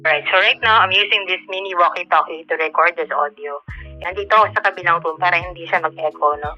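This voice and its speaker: Woman reviewer heard through a walkie-talkie, thin and very bright, casual and chatty, mixing English in. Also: fairly low pitch, a little fast, dull audio, faint music behind. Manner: mixes English into Tagalog, talks to viewers. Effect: heard over a walkie-talkie. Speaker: product reviewer. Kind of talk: casual product demo. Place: separate room from the recorder.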